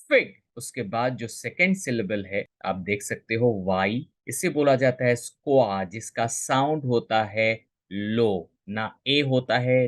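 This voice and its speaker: Male coach, measured and unhurried, drills words by repeating them with emphasis. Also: mid-range voice, a bit bright. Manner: emphatic, repeats words slowly to model pronunciation. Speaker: communication coach. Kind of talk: pronunciation lesson.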